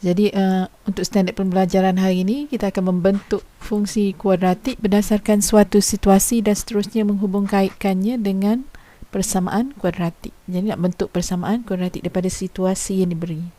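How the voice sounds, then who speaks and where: A woman's voice: mid-range voice, little pitch movement, a little fast, mellow. A woman teacher giving a recorded lesson, explaining patiently in an informal manner and asking her students questions. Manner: informal teacher's speech with frequent fillers.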